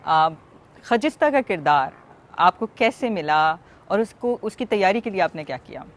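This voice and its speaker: A woman from Pakistan interviewing an actress, asking measured, formal questions. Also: mid-range voice, expressive.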